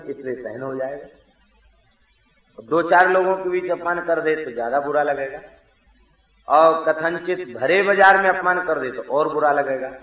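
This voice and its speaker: A man giving a devotional sermon, telling stories in a measured way and sometimes chanting verse. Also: on the high side, sharp tone, echoey room, highs cut off. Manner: measured storytelling with sung verse. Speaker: preacher.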